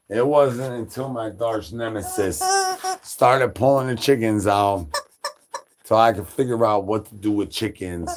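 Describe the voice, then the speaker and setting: A man from Chicago chatting loosely on a livestream, profane and rambling, with plenty of fillers and shout-outs. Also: on the low side. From Chicago, Illinois. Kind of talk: rambling casual stream chat.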